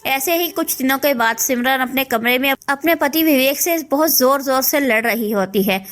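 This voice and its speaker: A woman narrating a scripted story with plain, steady storytelling. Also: high-pitched, normal speed, faint music behind.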